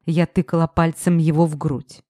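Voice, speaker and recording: A woman narrating an audiobook with lively storytelling. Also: low voice, moderate pace, dry recording, clean studio sound.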